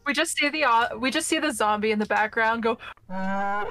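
A woman's voice: a little high, normal speed, a bit bright, faint music behind. A woman playing a tabletop game, talking casually and laughing often. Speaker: player. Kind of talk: tabletop role-play chat.

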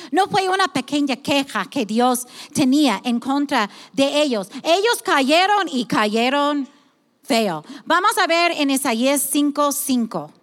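High-voiced woman preaching in a hall. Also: a bit bright. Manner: impassioned, acts out God's voice, many restarts. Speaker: pastor. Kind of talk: sermon.

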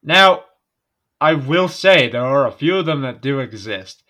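Bright, jokey male podcaster. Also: medium pitch, lively intonation, measured pace. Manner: jokey, swears, laughs a lot. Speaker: podcast co-host. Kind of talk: casual chat.

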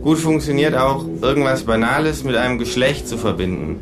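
A man's voice: mid-range voice, lively intonation, brisk, music in the background, voice pushed up, natural voice. A man voicing a smug know-it-all kangaroo in a comic audiobook reading, dry and lecturing.

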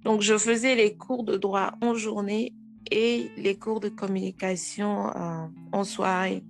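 A woman in her thirties from Togo, with a Togolese French accent, tells her own story frankly and animatedly as a guest in a casual interview, often restarting her sentences. Her mid-range voice has vocal fry, and she speaks a little slowly. Soft music plays in the background.

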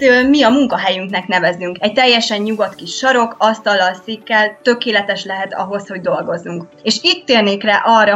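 A woman speaking as an interviewed expert, laying out practical advice in a calm, explanatory way. Her voice sits at a middle pitch. The recording is a little dull and lo-fi, with faint music underneath. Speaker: sleep expert guest. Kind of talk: interview answers.

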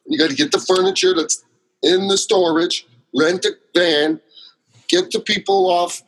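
A man's voice: high voice, unhurried, fairly bright tone, low-quality recording. A man chatting as a guest about his solo theater work, telling long rambling stories full of fillers and restarts. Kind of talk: casual interview chat.

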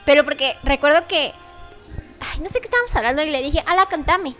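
A woman's voice: high-pitched, big pitch swings, fast, a bit bright, faint music behind. A young woman, hosting a casual podcast chat, telling stories, laughing often and acting out quoted dialogue. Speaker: podcast host.

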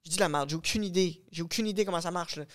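A man with a Québécois accent co-hosting a podcast, animated and rambling, cursing casually as he acts out scenarios. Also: high voice, racing. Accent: Québécois French. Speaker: podcast co-host.

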